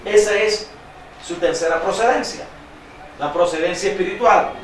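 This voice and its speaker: A man preaching a sermon, quizzing his congregation with call-and-response questions and reading scripture slowly with emphasis. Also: sits high, slight background noise. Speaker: pastor. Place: church sanctuary. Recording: very echoey church hall, distant mic.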